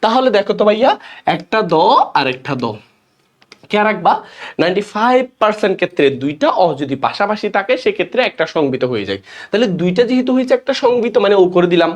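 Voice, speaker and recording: A man's voice: high-pitched, very animated, fast talker. A young man with a Bangladeshi Bengali accent teaching a class, explaining step by step and often asking his students questions. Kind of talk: classroom lecture.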